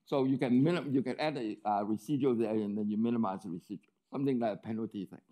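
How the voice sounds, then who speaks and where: A man's voice: medium pitch, quick pace, mellow. A man lecturing to an audience, explaining step by step, often checking in with "okay?" and "right?" and restarting phrases as he thinks. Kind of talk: academic lecture.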